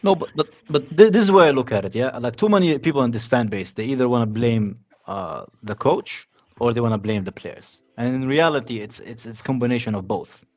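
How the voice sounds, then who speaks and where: A man's voice: mid-range voice, fairly quick, a little mellow, dry recording. A man calling in to chat about football, heard over a clipped phone line, often restarting his sentences and checking agreement with "yeah?" and "right?". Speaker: call-in guest.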